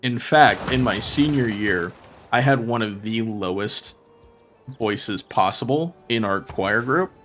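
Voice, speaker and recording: A man's voice: lowish voice, expressive, slow pace, a bit bright, soft background music. A young man co-hosting a podcast, chatting in an easygoing, hesitant way. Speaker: podcast co-host. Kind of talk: casual chat.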